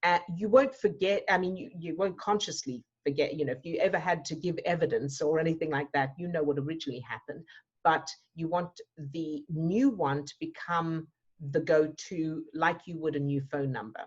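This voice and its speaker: A woman's voice: low-pitched, moderate pace, breathy edge. A woman from South Africa, a mindset coach, answering questions in a workshop and explaining with repeated words as she thinks. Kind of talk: teaching a workshop Q&A. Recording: dull lo-fi audio.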